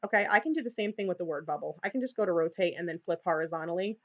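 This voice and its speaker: Racing through a live screen-share training for teachers, a woman with a New York accent speaks in a fairly low, fairly bright voice over lo-fi sound. Her delivery is chatty, with many "okay"s and restarts.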